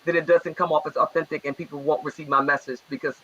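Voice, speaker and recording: A man with a Baltimore accent talks energetically in casual talk show chat, his voice pitched somewhat high with a husky edge. The audio is dull and lo-fi, as if coming through a remote link. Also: fast talker. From Baltimore area. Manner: energetic, rambling, animated.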